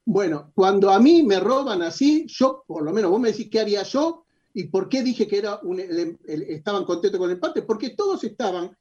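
A husky-voiced Argentine man arguing boxing as a journalist, insistent and hard to interrupt. His voice comes through a dull, lo-fi recording. He keeps pressing his point while the other man talks. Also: high-pitched, animated, brisk, darkish tone. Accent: Argentine Spanish. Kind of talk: heated radio argument.

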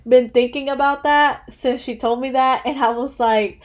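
A woman's voice: high-pitched, steady tone, normal speed. A woman in her thirties hosting a podcast interview, chatting casually and rambling with lots of "like". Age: 30s. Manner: chatty, rambling, says "like" constantly. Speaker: podcast host.

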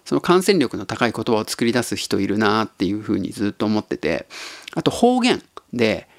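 A man's voice: fairly low pitch, sing-song, moderate pace, no echo. Easygoing man musing in a dry voice. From Tottori, Japan. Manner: easygoing, musing, chuckles often. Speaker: podcast host. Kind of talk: casual solo podcast talk.

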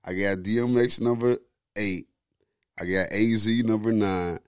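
A man's voice: lowish voice, steady tone, a little slow, clean tone, dry recording, studio quality. A man chatting casually, opinionated and slangy, with plenty of swearing, as he argues a ranking. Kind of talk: casual chat, ranking favorite rappers.

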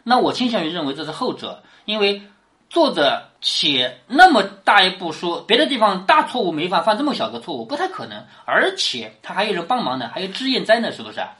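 A woman with a lowish, sing-song voice and a fairly bright tone talks fairly quickly as she lectures on a classic novel. She retells and explains it in plain, conversational language, constantly tossing in rhetorical tag questions and dropping her voice on each one.

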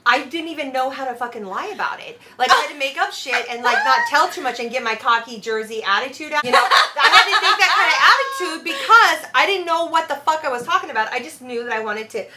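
A woman hosting a podcast, chatting in a brash, animated way and swearing freely. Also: high-pitched, fast talker, hardly any pauses, a little hiss or hum. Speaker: podcast host. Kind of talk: casual chat.

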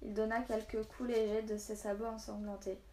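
A woman reading a children's novel aloud, steady and expressive, voicing the dialogue. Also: on the high side, brisk, roomy sound. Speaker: storyteller.

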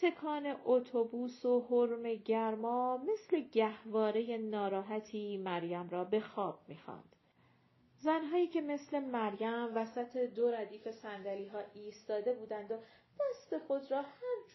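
A woman's voice: a little high, lo-fi sound. Woman reading a story aloud. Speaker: audiobook narrator. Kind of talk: scripted storybook narration.

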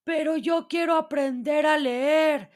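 A woman puts on a soft-hearted bear from a storybook, a gentle big male bear who speaks hopefully and earnestly. His voice sits high and is delivered slowly and carefully. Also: fairly even intonation. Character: gentle male brown bear longing to read.

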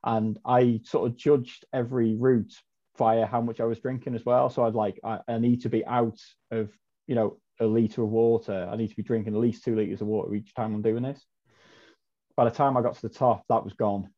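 Brisk and level-toned, this man speaks with a medium-pitched, dark voice as a guest on a podcast. He rambles through a long story in casual chat, correcting himself and saying "um" a lot, and the audio is dull and lo-fi.

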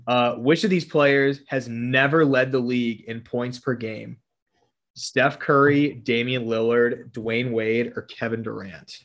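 A man's voice: mid-range voice, fairly even intonation, measured pace, fairly bright tone. Young man reading out quiz questions. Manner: swears casually, reads quiz options aloud, laughs often. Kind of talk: casual chat.

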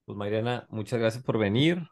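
A man's voice: on the low side, fairly quick. A man with a Mexican accent hosting a podcast in a casual, slangy, rambling way full of filler words. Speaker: podcast host. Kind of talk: casual chat.

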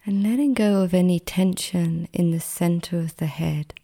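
A woman guiding a relaxation meditation like a sleep story narrator, soothing and gentle, with a soft, sometimes breathy voice and long pauses. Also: fairly low pitch. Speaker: meditation guide.

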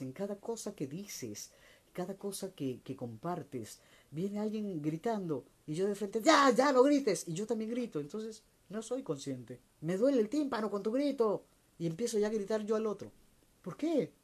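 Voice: mid-range voice, dark tone, breathy edge. A spiritual speaker answering viewer questions in a reflective talk, often asking rhetorical questions and acting out short everyday exchanges. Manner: asks rhetorical questions, acts out little everyday dialogues.

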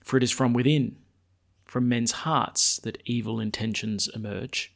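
A man speaking as a priest, reading scripture and preaching in a measured, solemn way. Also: medium pitch, fairly even intonation, gravelly. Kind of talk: liturgical reading and homily.

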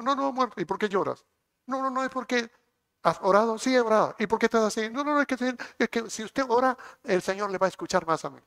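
High-voiced man preaching a sermon. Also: fairly bright tone. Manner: preaching with emphatic rising passages and acted-out dialogue. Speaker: rabbi.

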